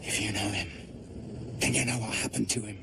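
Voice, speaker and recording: An actor playing a defiant exorcist priest in a horror drama, intense and confrontational. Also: male voice, on the low side, a little fast, vocal fry. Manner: intense, confrontational, swinging between hush and shouts. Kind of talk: horror television drama acting. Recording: loud noisy background under dialogue.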